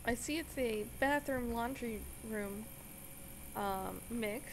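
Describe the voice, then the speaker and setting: A woman's voice: a little high, slow, background noise. A woman playing a video game and commenting aloud in a chatty, joking way, reacting as she goes. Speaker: let's play gamer. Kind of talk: casual let's play commentary.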